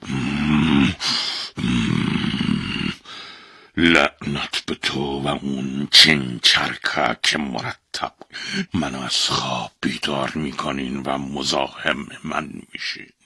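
A man's voice: rumbling low, pushed and bright, breathy edge, no echo, clean studio sound, pitched below the performer's own voice, exaggerated voice. A man voicing a huge, sleepy, short-tempered demon who growls and curses in a storybook tale. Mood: growling. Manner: growling, cursing.

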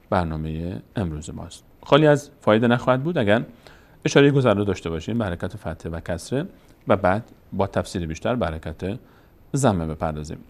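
A man teaching a lesson on reading the Quran, explaining slowly and patiently and reciting the alphabet letter by letter. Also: sits low. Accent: Persian. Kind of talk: instructional lesson on Arabic vowel marks.

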